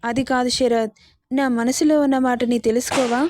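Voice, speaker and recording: A woman's voice: on the high side, level tone, moderate pace, darkish tone, a little hiss or hum, natural voice. A woman voicing a naive, heartbroken young female student in a spoken story, pleading. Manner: pleading, later childlike.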